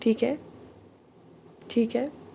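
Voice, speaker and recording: A woman teaching an online English grammar class, explaining patiently, asking the class questions and slowing down to read out examples. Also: a little high, steady tone, creaky, dark tone, breathy edge.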